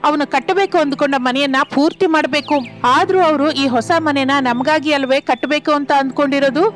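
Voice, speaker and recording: A loyal young daughter-in-law from a cartoon story, voiced by a woman in an earnest, persuasive way. The voice sits high, with faint music underneath. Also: fairly quick, natural voice. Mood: resolute.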